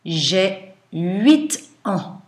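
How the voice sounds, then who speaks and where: A woman schoolteacher dictating to young pupils, pronouncing phrases word by word with deliberate pauses and repeats. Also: medium pitch, sing-song. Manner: deliberate, sounding out words with pauses. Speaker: primary school teacher. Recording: echoey room.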